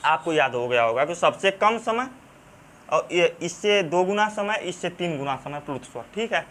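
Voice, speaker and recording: A male teacher with a Banarasi accent giving a classroom grammar lesson. He repeats key terms, checks in often and pauses with many fillers. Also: a little high, lively intonation, a bit bright. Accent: Banarasi Hindi. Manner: halting, many fillers and restarts.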